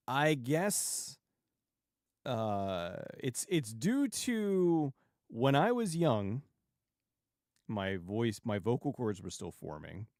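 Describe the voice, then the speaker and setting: A man's voice: medium pitch, clear, resonant tone, no echo. Man chatting on a livestream, very dry sound. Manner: rambling, halting, restarts sentences and digresses. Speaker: YouTube livestream host. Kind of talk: casual livestream chat, replying to viewers.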